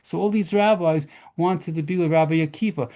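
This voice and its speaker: Warm-voiced rabbi telling stories. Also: male voice, on the high side, fairly quick. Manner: lively storyteller, mixes in Hebrew terms. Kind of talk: storytelling lesson at a model seder.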